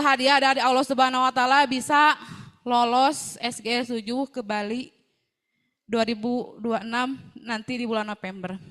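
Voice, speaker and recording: A young woman with a lilt tells her story in a loose, chatty testimonial. Her voice sits high, and she keeps dropping devout phrases into the telling. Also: fairly bright tone. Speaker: seller sharing a success story. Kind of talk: personal testimonial.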